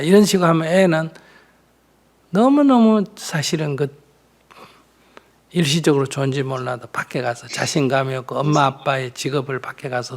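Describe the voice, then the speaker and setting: Gravelly older monk giving frank advice. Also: male voice, a little high. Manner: frank, plain-spoken, acts out mother's lines, laughs often. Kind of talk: live Q&A counseling talk.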